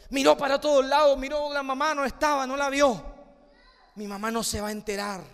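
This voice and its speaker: A male pastor preaching a sermon, telling a story and acting out its voices, moving from hushed to shouting. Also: very high voice, steady tone, fairly quick, big-room sound. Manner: acts out story voices, swings from soft to shouting.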